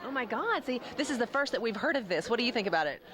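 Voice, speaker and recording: A woman's voice: fairly high pitch, animated, rapid-fire, fairly bright tone. A woman interviewing on the red carpet with gushing chatter, exclaiming and reacting effusively. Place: outdoor red carpet at a film festival.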